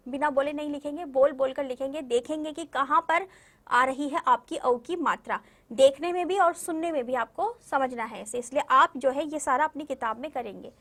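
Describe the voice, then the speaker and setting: A woman's voice: sits high, fairly bright tone. A young woman teaching a Hindi lesson to young children in an online video, patiently repeating words and often checking that the children understand. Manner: patient, repeats words slowly and drills vowel signs. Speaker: primary school Hindi teacher.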